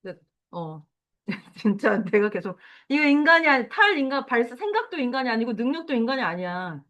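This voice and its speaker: A woman teacher giving a lively, chatty lecture to middle schoolers, talking straight to the class and drawing out key words slowly. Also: on the high side, lo-fi sound. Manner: lively, chatty, addresses students directly.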